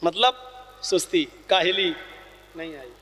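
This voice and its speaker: A man preaching an emphatic, dramatic sermon, telling stories and swinging between soft lines and shouted ones. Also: a little high. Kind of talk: impassioned Urdu sermon storytelling. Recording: reverberant hall sound.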